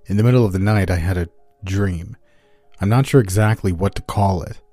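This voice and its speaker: A man with a very low, mellow voice narrates a scripted horror story. His delivery is measured and deliberate. The sound is dry, with faint music playing behind him. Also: dry recording. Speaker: narrator of listener-submitted scary stories. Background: background music.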